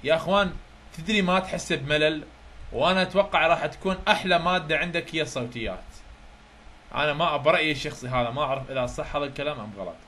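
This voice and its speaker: A man's voice: a little high, rapid-fire, sharp tone, a little hiss or hum. A man teaching a classroom phonetics lesson, coaxing students and repeating sounds for them to copy. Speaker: university English teacher.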